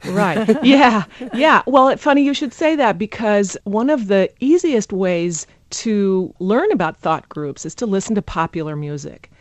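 A woman's voice: medium pitch, expressive, measured pace, hardly any pauses, no room sound. A woman who teaches English pronunciation, explaining in a radio interview and sounding out rhythms with nonsense syllables.

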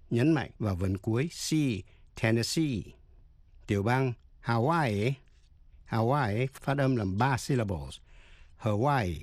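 A man's voice: medium pitch, dry recording, studio quality. A man teaching an English lesson on the radio, explaining pronunciation carefully and spelling words out letter by letter.

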